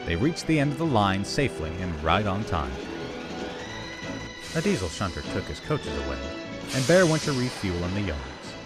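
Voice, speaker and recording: A man narrating a storybook tale in an expressive, lively reading. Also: fairly low pitch, moderate pace, loud music behind the voice.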